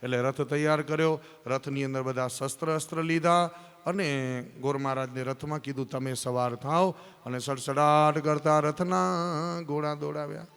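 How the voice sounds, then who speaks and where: A man's voice: on the high side, steady tone, moderate pace, gravelly, a bit bright, clean tone. A man telling a devotional story to a live audience, addressing listeners directly and slipping into character voices. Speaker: scripture storyteller. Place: large hall at a live religious event. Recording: long hall reverb.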